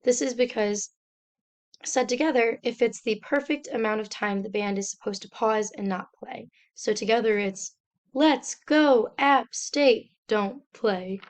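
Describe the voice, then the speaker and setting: A young woman, a student, reading a slide presentation aloud in a steady, step-by-step explanatory way. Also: fairly high pitch, normal speed.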